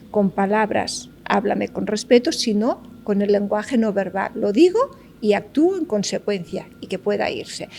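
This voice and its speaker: A woman's voice: mid-range voice, vocal fry, darkish tone, a little hiss or hum. A woman psychologist, explaining ideas in an interview and often checking in with "¿vale?". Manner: didactic, keeps checking with "¿vale?". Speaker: psychologist guest.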